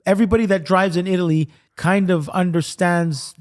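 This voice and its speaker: A man's voice: high voice, fairly even intonation, fairly quick. A man co-hosting a podcast in casual chat, joking and rambling with many restarts. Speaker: podcast co-host.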